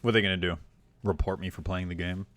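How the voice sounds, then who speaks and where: A man co-hosting a gaming podcast, telling stories in a relaxed way with quick bursts when excited. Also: low voice, slight background noise. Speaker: podcast co-host. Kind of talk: casual gaming chat.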